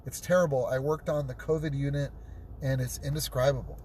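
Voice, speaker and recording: A man hosting a call-in show while driving, reading viewer comments out loud and chatting casually, often stumbling and repeating words. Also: mid-range voice, fairly even intonation, fairly quick, a little hiss or hum. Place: inside a car, driving.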